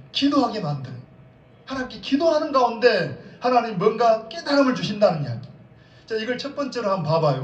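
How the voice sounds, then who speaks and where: A male senior pastor preaching a sermon and putting questions to the congregation, who answers him. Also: sits high. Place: church sanctuary. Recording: distant echoey church sound, slightly dull.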